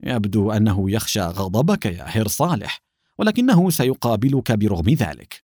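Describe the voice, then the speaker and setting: A man's voice: fairly low pitch, very animated, moderate pace, mellow, no echo, clean studio sound. A man reading aloud, voicing a sly, gloating male prison guard with a mocking manner.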